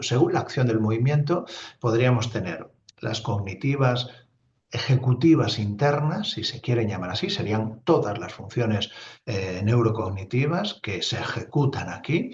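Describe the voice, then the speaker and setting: Lecturing man. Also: on the low side. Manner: explanatory, many fillers and asides. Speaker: neuropsychology lecturer. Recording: dull lo-fi recording.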